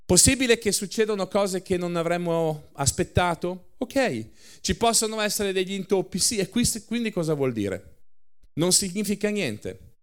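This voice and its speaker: A man preaching a sermon, telling a story with lively acted-out quotes and short laughs between lines. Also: high voice, moderate pace, clear, resonant tone.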